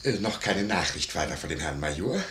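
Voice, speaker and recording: A man's voice: a bass voice, big pitch swings, brisk, creaky, a bit bright, heavily acted. An actor playing a fawning, nosy innkeeper in a classic radio play, wheedling and chuckling as he tells his tale. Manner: wheedling, chuckling, theatrical storytelling. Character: fawning nosy male innkeeper, curious and greedy. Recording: roomy studio echo.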